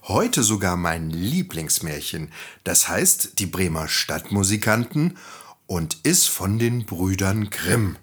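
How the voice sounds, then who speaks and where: A man reading a fairy tale aloud to children in a gentle, friendly, expressive manner. He takes his time, lets his voice rise and fall widely, and has a slightly husky tone. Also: low-pitched, slow pace.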